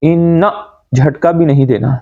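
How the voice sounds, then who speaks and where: A man's voice: fairly high pitch, mellow. Man teaching Quran recitation, muffled. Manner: explains pronunciation errors, then recites words slowly and drawn out. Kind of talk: tajweed lesson.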